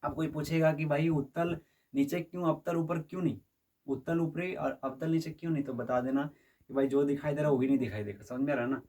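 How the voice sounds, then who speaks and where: Guy teaching physics to a class, kinda high voice, mic far off, keeps asking "you get it?". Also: steady tone, brisk, a little mellow. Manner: quizzes students with repeated questions and checks understanding. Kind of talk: classroom lecture. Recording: voice from a distance.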